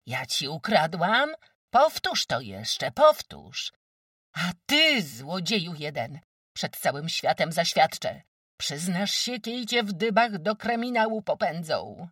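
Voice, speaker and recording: A shrill village wife in a cursing rage, as an audiobook reader puts her on, her voice leaping high and swinging wildly. It sounds dry and a little distant from the mic. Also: very animated, slow, a bit bright, breathy edge, no echo, heavily acted. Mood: screaming fury. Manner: screeching, cursing. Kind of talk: audiobook character reading.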